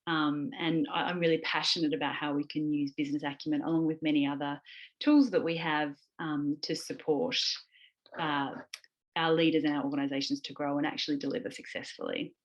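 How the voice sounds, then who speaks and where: An Australian woman with a fairly low voice talks through a webinar from her home, chatty and relaxed, stumbling and restarting now and then. Her voice comes through a video call with slightly dull, muffled sound. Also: fairly quick. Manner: chatty, frequent fillers and restarts. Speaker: webinar presenter, leadership specialist. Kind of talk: casual presentation on video call. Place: home mid-move, indoors.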